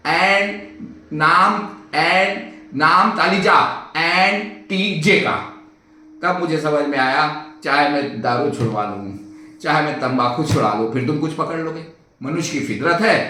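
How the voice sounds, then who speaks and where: Echoey doctor telling a patient story. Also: male voice, a little high, far from the mic. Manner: animated, acts out dialogue with a patient. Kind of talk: storytelling talk.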